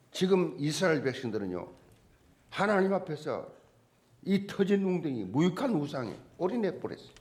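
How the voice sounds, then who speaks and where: A male pastor preaching a sermon with emphasis, firing off repeated rhetorical questions at the congregation. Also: a little high.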